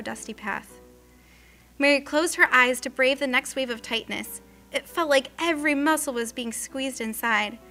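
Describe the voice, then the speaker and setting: Brief: bright, expressive female storyteller, scripted narration. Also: high voice. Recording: faint music underneath.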